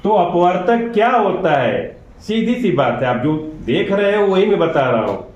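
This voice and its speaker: A male teacher talks through a lesson at an unhurried pace, often pausing to check whether the class follows. His voice sits a little high. The recording is dull and lo-fi, with the echo of a classroom and a faint hum of room noise behind. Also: big pitch swings, a little mellow. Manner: patient, keeps checking understanding with questions. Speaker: school teacher.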